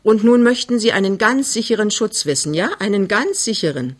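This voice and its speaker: Reader putting on a tired skeptical doctor, pushy, loud, a bit high. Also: normal speed, natural voice. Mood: brisk. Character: brisk middle-aged male doctor, skeptical and weary.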